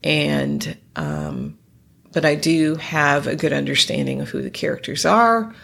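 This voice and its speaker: Congested and nasal as she gets over being sick, the podcast host talks casually on her own, wandering off with lots of ums and false starts. Her fairly bright voice sits low, with a creaky, sing-song quality and an unhurried pace.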